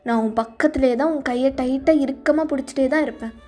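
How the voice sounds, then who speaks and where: A woman voicing a gentle, loving young husband who soothes his pregnant wife in a fan audio drama, with soft music behind. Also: high-pitched, fast talker, natural voice. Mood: reassuring. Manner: soothing, reassuring.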